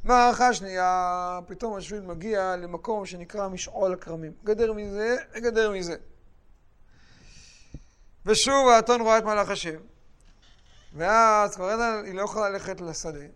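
A man teaching a Bible lesson to a class, telling the story with animated asides to his students. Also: high-pitched, clear, resonant tone.

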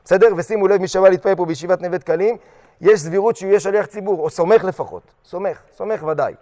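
A man teaching a lively religious lesson to his students, throwing questions at the room and acting out little quotes. His voice sits high for a man. It rings with a long echo, as in a big hall. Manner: animated, questions the class, acts out short quotes. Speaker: yeshiva teacher.

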